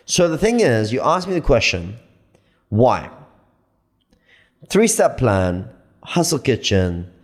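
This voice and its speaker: A man in his late thirties arguing his point in a casual podcast chat, emphatic and animated, often repeating himself. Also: medium pitch, slow pace, pauses often. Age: 30s. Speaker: podcast guest.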